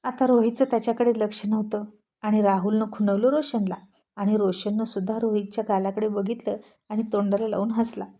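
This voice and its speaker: A woman narrating a serialized storybook romance with gentle, dramatic pacing. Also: medium pitch, fairly even intonation, fairly quick.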